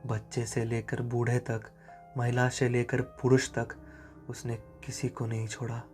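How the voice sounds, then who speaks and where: A grave old village grandmother, put on by a male narrator speaks in hushed, urgent warnings. She is frightened and secretive, the voice of dread in a spoken horror tale. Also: mid-range voice, completely flat delivery, measured pace, faint music behind, natural voice.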